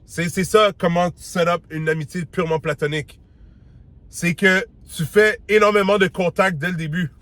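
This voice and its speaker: A talkative man with a Québécois accent and a voice pitched a little high, coaching the listener on dating like a buddy. His speech is loose and slangy, with English words dropped in, and he acts out the lines he quotes. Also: fairly even intonation, moderate pace, a bit bright, dry recording. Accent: Québécois French. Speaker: dating advice host. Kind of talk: casual advice monologue.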